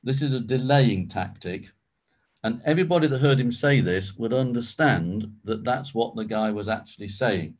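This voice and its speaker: A man's voice: mid-range voice, moderate pace. A man leading a Bible study, explaining in a conversational way with frequent ums and restarts. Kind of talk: informal teaching talk.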